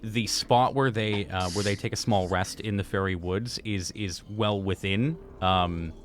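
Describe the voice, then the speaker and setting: A man's voice: lowish voice, slight background noise. A man improvising narration and rulings as game master at a tabletop game.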